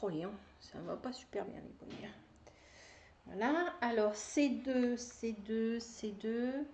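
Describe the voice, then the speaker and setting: Woman knitting vlogger, casual, rambling, self-mocking, a touch high-pitched; roomy echo. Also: takes it slowly, darkish tone, slight background noise. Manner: chatty, rambling, many fillers, laughs at herself. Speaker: knitting video podcaster. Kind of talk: casual chat to camera.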